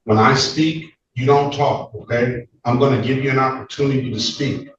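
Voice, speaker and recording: A man's voice: mid-range voice, fairly even intonation, normal speed, recorded from a distance, dull audio, a little hiss or hum. A man presiding as judge in court, firm and controlling, heard on a courtroom recording. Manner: stern, firm, interrupts to keep control. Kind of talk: courtroom proceedings. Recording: echoey courtroom from afar, faint music.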